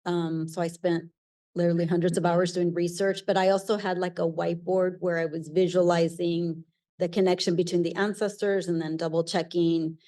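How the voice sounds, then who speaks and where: A woman's voice: on the low side, little pitch movement, moderate pace, warm tone. A woman speaking as an author on a live library panel, explaining her work steadily with some fillers.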